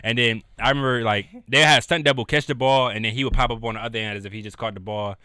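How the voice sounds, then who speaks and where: Fast-talking American man, dry close mic. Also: mid-range voice, clear, resonant tone, no room sound. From United States. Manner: relaxed, rambling, frequent "like" and restarts. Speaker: actor and podcast guest. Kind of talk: casual podcast chat.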